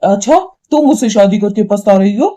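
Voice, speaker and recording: A woman's voice: mid-range voice, a little fast, warm tone, lightly acted. A woman voicing a hot-tempered young husband and son in a cartoon, scolding and indignant. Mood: angry. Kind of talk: cartoon voice acting.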